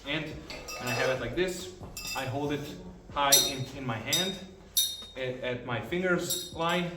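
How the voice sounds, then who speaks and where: A man's voice: mid-range voice, a little slow. A man filming a casual training vlog, explaining his exercises between sets with many fillers, sometimes out of breath. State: out of breath at times. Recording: roomy sound from a far camera, faint music.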